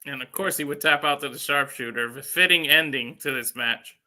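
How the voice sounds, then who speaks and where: A man's voice: fairly high pitch, a little fast, sharp tone. A man giving casual colour commentary as a wrestling co-commentator.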